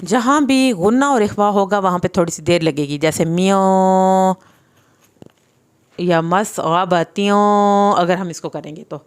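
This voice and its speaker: This young woman speaks on the low side as she teaches Quran reading. It's a slow, spelled-out lesson: each letter and vowel mark gets sounded out syllable by syllable, followed by an explanation of the rules.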